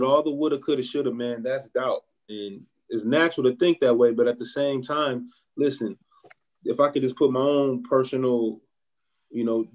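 A man who owns a barbershop and is from Ohio, talking casually in an interview and giving encouraging advice while calling people "man" a lot. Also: mid-range voice. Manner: relaxed, says "man" often, motivational. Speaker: barbershop owner, guest.

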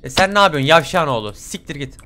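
A young man commentating his own horror game playthrough, swearing often, bursting into yells and slipping into English curses. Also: fairly high pitch, fast, background noise. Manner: excitable, swears a lot, sudden yelling outbursts. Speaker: gaming channel host. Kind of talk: let's play commentary.

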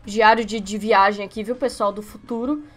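A young Brazilian woman giving let's-play commentary on her webcam setup, excitable and quick to yelp and shriek at each slip. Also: mid-range voice. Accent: Brazilian Portuguese. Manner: excitable, yelps and shrieks when failing. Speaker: gaming youtuber.

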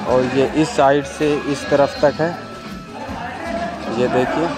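A young man with a Bihari Hindi accent, excitedly giving a walk-around tour in a casual vlog, filmed outdoors on a phone at arm's length. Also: mid-range voice, slow. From Bihar, India. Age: young adult. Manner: excited tour-guide talk, keeps pointing things out. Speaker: travel vlogger. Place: outdoor hotel pool and garden. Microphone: phone at arm's length with clip-on mic. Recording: outdoor clip with loud crowd and music. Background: loud crowd and music.

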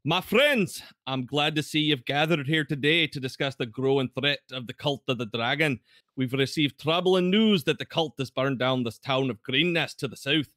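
A man's voice: medium pitch, moderate pace, a bit bright, dry recording, studio quality, lightly acted. A man voicing a commanding male paladin leader who gives a rallying speech to a small gathering.

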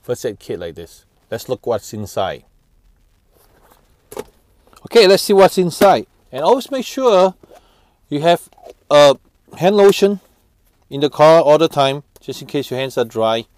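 A man in his thirties giving family road-trip tips in a casual, halting way, with many fillers and restarts, recorded on a lapel mic. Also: medium pitch, darkish tone, slight background noise. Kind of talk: casual how-to talk. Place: office room, then parked car.

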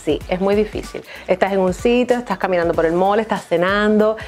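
A young woman, hosting a playful comic countdown monologue in a teasing, animated manner. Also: mid-range voice, brisk. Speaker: vlogger host. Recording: music bed under voice.

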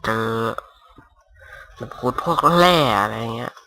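Soft-spoken young man with a bright voice. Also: takes it slowly, a little hiss or hum. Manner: rambling, talks softly to avoid disturbing neighbors. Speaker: gaming YouTuber. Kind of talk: casual Minecraft commentary. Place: home room. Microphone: cheap gaming headset mic.

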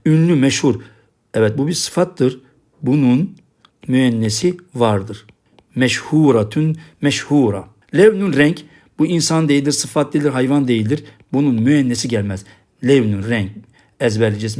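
A man's voice: mid-range voice, darkish tone. A man teaching a recorded language lesson, patiently drilling each word and repeating the same checks. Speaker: Arabic teacher.

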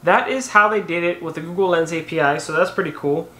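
Speaking quickly in a slightly high, bright, forceful voice, a young man recaps tech news on his channel in a loose, rambling way full of fillers and self-corrections. He records in an echoey indoor room before a banner, with slight background noise.

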